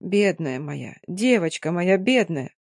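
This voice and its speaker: Fierce, fussing old Romani nomad woman, read by a woman narrator; loud and emphatic, no room sound. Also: on the low side, lively intonation, slow, creaky, no room sound, clean studio sound, full character voice. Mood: tender.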